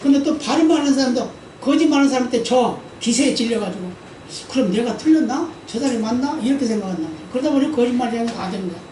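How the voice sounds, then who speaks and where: Rapid-fire and lively in intonation, a woman pastor with a slightly high but dark-toned voice preaches conversationally during a church service. She often calls for an amen and acts out quoted speech in her stories. She is far from the mic in the roomy sanctuary, with a little hiss or hum.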